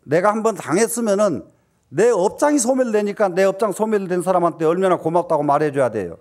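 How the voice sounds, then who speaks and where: A man giving a Buddhist dharma talk, often posing questions to the audience and answering them himself, with emphatic rises and soft dropped asides. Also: high voice, lively intonation, fairly quick. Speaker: Buddhist teacher.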